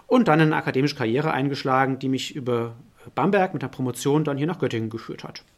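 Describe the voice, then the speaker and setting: A man's voice: medium pitch, fast. A middle-aged man, a political science professor, answering interview questions and thinking aloud with many fillers and restarts.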